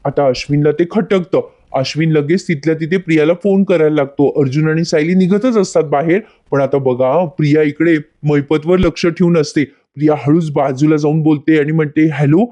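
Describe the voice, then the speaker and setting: A man's voice: fairly high pitch, a little fast, hardly any pauses, dark tone. A man narrating an episode recap, speaking straight to viewers. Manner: addresses viewers directly. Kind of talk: casual retelling of a TV episode.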